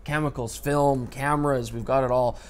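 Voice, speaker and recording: A man's voice: mid-range voice, fairly even intonation, moderate pace. A man hosting a casual live stream, joking and asking his guest questions. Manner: joking, upbeat, asks questions. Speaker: host.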